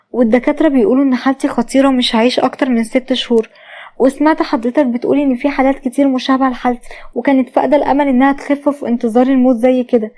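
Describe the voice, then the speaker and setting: Sick egyptian mom pleading with a doctor, polite and desperate, high mellow voice, storyteller woman doing her. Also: natural voice. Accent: Egyptian Arabic.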